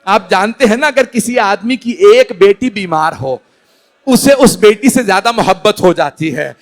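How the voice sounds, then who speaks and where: A man with a strikingly high voice leads a mourning sermon in a Pakistani Urdu accent. He recites slowly and draws out his words in a lamenting way. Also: expressive. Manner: slow lamenting recitation of tragic episodes. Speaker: cleric. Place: large indoor mourning hall.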